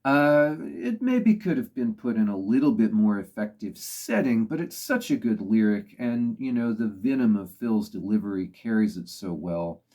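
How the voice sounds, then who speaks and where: Mellow, low-voiced man reviewing music. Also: expressive, moderate pace, hardly any pauses. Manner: thoughtful, opinionated, with frequent "you know" fillers. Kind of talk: casual spoken commentary.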